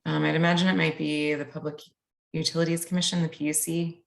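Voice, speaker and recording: A woman's voice: sits low, level tone, fast, vocal fry, echoey room. A woman staff member presenting plans at a public meeting, hesitant with many ums.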